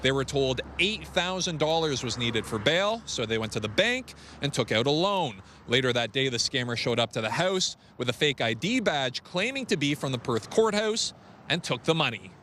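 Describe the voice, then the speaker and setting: A man reading a scripted TV news report in a measured, projected way. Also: mid-range voice, sing-song, bright, forceful tone, a little hiss or hum.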